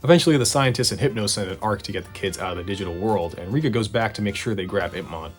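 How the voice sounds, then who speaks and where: A man's voice: fairly low pitch, quick pace. A man narrating a casual, sarcastic video recap in a conversational way. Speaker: host of a video retrospective. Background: background music.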